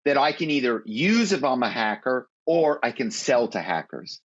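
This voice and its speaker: In a mid-range voice with big pitch swings, a man talks at a moderate pace. The guest, a former corporate spy, explains during a conversational interview how tricks on the phone get people to hand over information, using anecdotes from calls he's made.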